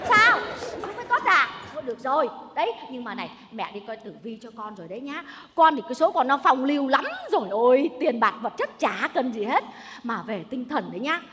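A woman's voice: sits high, big pitch swings, fairly quick, hardly any pauses, crowd noise, background noise. A woman playing a domineering old mother-in-law in a stage comedy sketch, nagging, scolding and wailing. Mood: doting. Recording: stage recording with long hall reverb.

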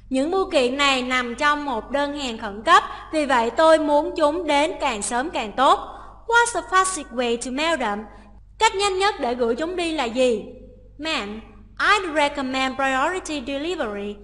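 A woman teaches English exam preparation, walking through each answer step by step. Her voice is high and bright. A long reverb trails behind her voice. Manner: explains step by step, switching to read English lines. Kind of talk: exam-prep lesson.

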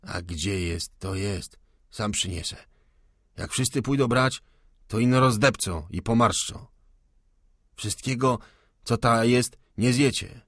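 A man's voice: on the low side, slow, pauses often, a bit bright, dry recording, clean studio sound, voice pushed up. A man voicing a stubborn old male servant, a blunt peasant who grumbles in folksy speech, in an audiobook. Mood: stubborn grumbling.

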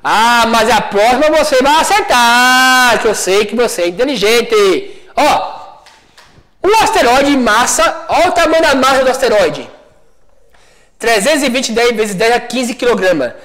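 High-voiced Brazilian man teaching physics. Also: expressive, moderate pace, a bit bright, low-quality recording. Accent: Brazilian Portuguese. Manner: chatty, keeps checking if students follow. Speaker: studio teacher. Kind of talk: physics lesson for high school. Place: classroom studio.

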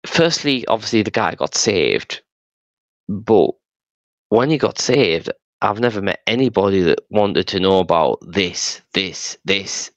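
Low-pitched middle-aged man, chatting. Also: a bit bright, dry recording. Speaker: street evangelist being interviewed. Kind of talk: casual conversational storytelling. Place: small room at home, video call. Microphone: headset microphone.

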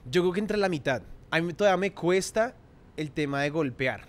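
A man in his thirties with a Bogotá Colombian accent trades blunt, slangy banter as a podcast guest. He talks in a fairly high register for a man, often breaking off and restarting his sentences. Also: expressive, a little fast. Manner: crude slang-heavy banter, trailing restarts. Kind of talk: casual chat.

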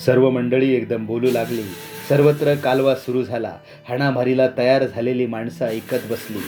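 A man narrates a short story at a measured pace, letting the drama build in his delivery. His voice sits in a middle register. Faint music plays under the reading. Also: medium pitch, fairly even intonation, mellow.

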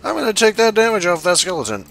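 Lively bright-voiced man running the game. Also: high-pitched, fast talker, vocal fry, soft background music. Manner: playful and profane, laughs often, narrates monster moves. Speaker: game master. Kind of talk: running a board game session with friends.

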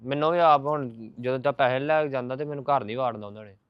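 A young man talks very fast in a smooth, crisp voice, pleading as a neighbor in a village drama. The sound is dry and a little dull. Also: medium pitch, no room sound. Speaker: young neighbor asking for money.

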